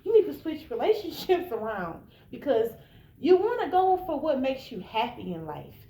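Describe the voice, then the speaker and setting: With a high, mellow voice marked by vocal fry and big pitch swings, an American woman around thirty-one speaks at normal speed. Her informal monologue offers blunt, casual, emphatic relationship advice aimed right at the listener, recorded in an echoey room with faint background noise.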